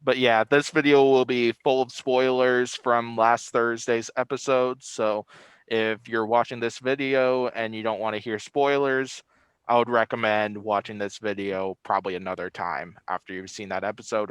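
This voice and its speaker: A man's voice: mid-range voice, steady tone, moderate pace, clean tone, dry recording. A man speaking through a face mask as he hosts a casual video recap, rambling a little and repeating phrases. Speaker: host.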